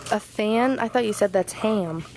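A woman's voice: mid-range voice, moderate pace, noisy background. A young woman vlogging casually in a large supermarket on a handheld camera, chatty and easily grossed out. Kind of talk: casual vlog chat.

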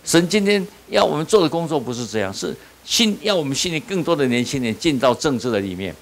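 A man's voice: on the high side, animated, fast. A man preaching as a pastor, asking the audience questions and answering them himself, often tagging on "you know?". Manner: repeats "你知道吗" often. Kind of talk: sermon at a small-group leader training.

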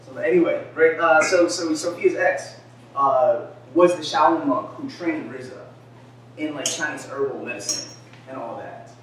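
Speaking at an unhurried pace, a man in his thirties offers a casual, conversational presentation at a talk event, leaning often on "right?" and filler words. His voice sits on the high side with a fairly bright tone. Recorded from afar in an echoey, gallery-like room with a screen, the clip carries slight background noise.

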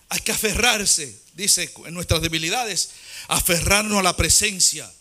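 A man delivers a passionate sermon, his voice pitched high and strikingly bright. He shifts between plain exhortation and a chanting, sung rhythm as he preaches. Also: slow. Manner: fervent preaching, chanting in a sung cadence at times. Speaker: pastor.

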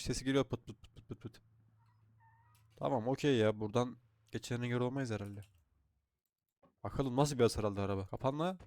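Fast-talking, swearing man, sick. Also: medium pitch, darkish tone, no room sound. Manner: chatty, swears freely, thinks aloud. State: sick, sore throat. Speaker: gaming YouTuber. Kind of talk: casual gameplay commentary.

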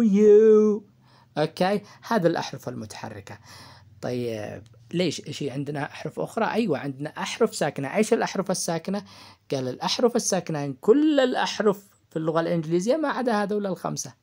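A man's voice: on the high side, gravelly. A male teacher walks students through English grammar. He throws out questions and answers them himself, repeating the key terms so they stick. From Yemen. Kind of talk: grammar lesson for high-school students.

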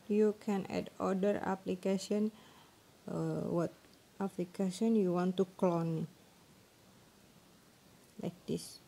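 A woman giving an informal phone tutorial, speaking halting broken English and groping for words. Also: lowish voice, gravelly, dark tone. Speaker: tutorial presenter. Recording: noisy amateur phone screen recording.

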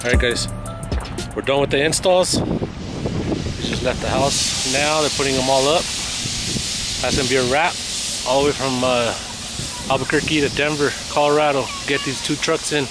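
A middle-aged vlogger who customizes cars chats laid-back and informally to his audience outdoors, in or near a vehicle, on a phone. His mid-range voice is fairly even at normal speed with frequent pauses, over loud music. The rough recording carries loud wind noise plus traffic.

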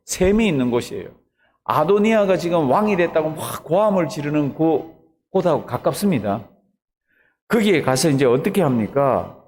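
A man's voice: on the high side, darkish tone. A man, a pastor, preaching an early morning sermon, retelling the story animatedly and asking the congregation questions.

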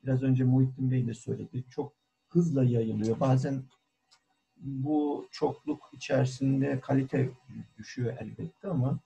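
A man who is a cultural historian giving a formal online talk, deliberate and full of hesitant fillers, heard over call audio. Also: medium pitch, fairly even intonation, creaky, dark tone, breathy edge, dull audio. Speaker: guest lecturer, cultural historian. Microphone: video call.

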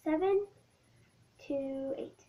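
A woman's voice: sits high, extremely slow, dull audio. A young girl vlogging a casual jelly bean challenge with a friend, giggly and playful. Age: child.

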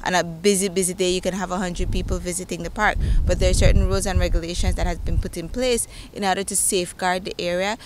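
A woman explaining her work as a manager in an interview, halting and correcting herself. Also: lowish voice, steady tone. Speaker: marine reserve manager being interviewed. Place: outdoors by open water. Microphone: handheld interview microphone. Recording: outdoor noise, faint engine hum.

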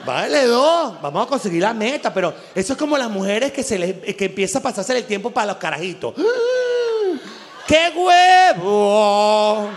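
A man with a Venezuelan accent doing an animated, crude stand-up comedy monologue, acting out little voices as he goes. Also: high voice, fast, few pauses, some chatter behind, a little hiss or hum. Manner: animated, crude, laughs often, acts out voices. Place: live show venue.

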